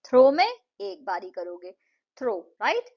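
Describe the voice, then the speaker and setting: Woman tutor, slightly high voice, patient and slow on key words, dull lo-fi recording. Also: sing-song, gravelly, a little mellow. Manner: patient, repeats words slowly to show syllables. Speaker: English tutor. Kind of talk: Hindi-English explanation of a textbook lesson.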